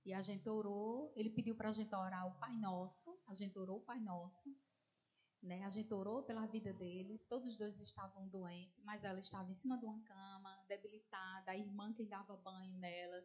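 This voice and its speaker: The recording cuts off the highs of this woman's mid-range voice, which moves at a moderate pace. She preaches her testimony in Northeastern Brazilian Portuguese, animated as she tells it, voicing the characters and calling her listeners dear ones.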